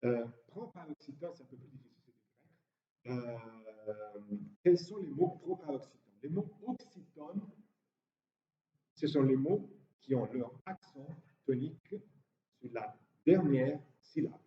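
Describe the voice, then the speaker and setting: A man's voice: mid-range voice, lively intonation, measured pace. A man teaching a university lecture, explaining step by step with frequent hesitations. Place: lecture hall. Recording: roomy, distant, dull lecture-hall recording.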